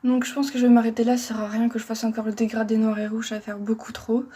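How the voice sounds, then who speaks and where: A woman's voice: a little high, little pitch movement, quick pace, dark tone, a little hiss or hum. A young woman chatting casually through a makeup tutorial, talking as she works and making fun of herself. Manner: chatty, self-deprecating, talks while working. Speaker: makeup vlogger.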